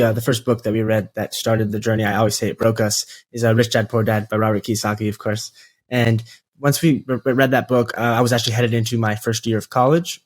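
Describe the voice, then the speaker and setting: A twenty-year-old American man, a podcast guest telling his story fluently and earnestly. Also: mid-range voice. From United States. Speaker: guest, real estate investor. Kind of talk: interview storytelling.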